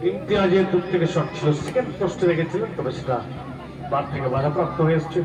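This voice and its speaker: Male play-by-play football commentator, voice a bit high, picked up from afar with a crowd behind. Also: fast, dull audio. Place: outdoors at a football ground. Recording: echoey, distant mic, crowd noise. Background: crowd noise.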